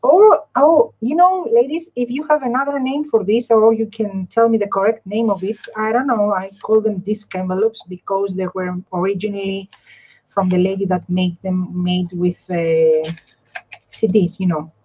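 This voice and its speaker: A craft tutorial host from Greece chats and explains during a casual live demonstration, repeating and rephrasing herself in a Greek accent. She speaks at medium pitch and a moderate pace, in a steady, slightly mellow tone, on a low-quality recording.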